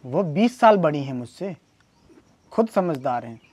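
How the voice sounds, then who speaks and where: A man's voice: fairly high pitch, big pitch swings, unhurried, darkish tone, slightly rough, dry recording. A man playing a husband in a comedy sketch, trading dry, sarcastic quips with his wife and building into exasperated rants. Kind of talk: scripted comedy sketch acting.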